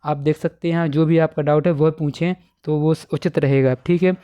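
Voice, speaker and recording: A male teacher talks through exam answers in a smooth, resonant voice that sits a little high. He stays fairly level in pitch, and he repeats and dictates each answer slowly. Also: steady tone, dark tone, muffled recording. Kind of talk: exam paper walkthrough for schoolchildren.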